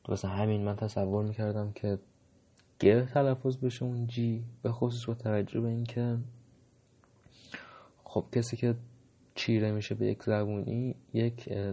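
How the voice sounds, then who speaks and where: A man's voice: lowish voice, gravelly, dark tone, highs cut off. A man giving a casual, reflective monologue, hesitant and full of fillers. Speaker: monologue host.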